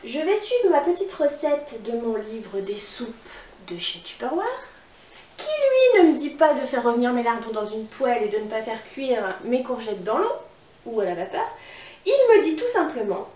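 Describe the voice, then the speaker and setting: A woman's voice: on the high side, very animated, normal speed, mellow, echoey room, recorded from a distance. A woman with a northern French accent giving a chatty, upbeat cooking demonstration at home, talking straight to her viewers. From northern France. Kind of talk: casual cooking demo.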